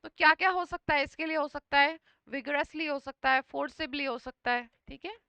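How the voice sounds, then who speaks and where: A woman's voice: high-pitched, brisk, gravelly, sharp tone, no room sound. A woman teaching English vocabulary for an exam in Hindi, mixing in English words and often checking in with her students. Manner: often repeats "thik hai" to check understanding.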